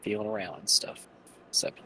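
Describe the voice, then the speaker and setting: A man's voice: a little fast, sharp tone, no room sound, poor audio. A man playing a tabletop game, casually narrating what his character does.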